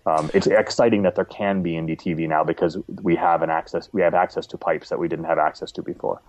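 A man's voice: low-pitched, fairly even intonation, fast, darkish tone. A man giving a casual interview as an independent series maker, talking in a thoughtful, discursive, earnest way. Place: at home. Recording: dull, muffled lo-fi audio.

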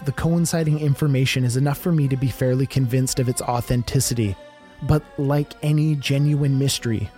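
A man's voice: medium pitch, a little mellow. A man hosting a creepy mystery podcast, reading scripted narration and addressing listeners like a conspiratorial storyteller.

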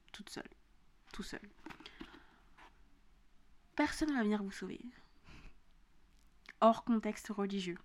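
A young woman with a southern French accent, talking straight to her podcast listeners. Her speech is casual and full of slang, and she repeats phrases over and over to drive her point home. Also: mid-range voice. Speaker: podcast host. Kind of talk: motivational podcast monologue.

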